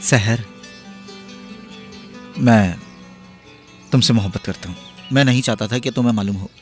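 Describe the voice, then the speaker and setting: A man's voice: lowish voice, measured pace, soft background music, lightly acted. A man dubbing a film role, a young man in love who speaks in an earnest, pleading way. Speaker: dub actor.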